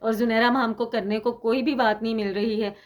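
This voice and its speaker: A woman's voice: on the high side, fairly even intonation, brisk. Indignant woman YouTube commentator. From Pakistan. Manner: indignant and sarcastic, emphatic scolding. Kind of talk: opinionated commentary monologue.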